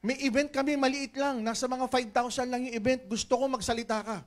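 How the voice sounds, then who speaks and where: A middle-aged man giving a lively motivational business talk on stage, joking and calling out to the crowd, booming on punchlines and dropping low on asides. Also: fairly quick. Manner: animated, jokey, swings between loud punchlines and low asides. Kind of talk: stage motivational speech with audience call-and-response. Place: large event hall with an audience.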